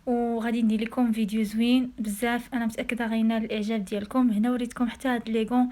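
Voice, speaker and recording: A woman's voice: on the high side, flat delivery, very fast, mellow. A woman with a Moroccan accent, chatting casually to her viewers in a home vlog, talking straight to them with frequent fillers. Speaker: home vlogger.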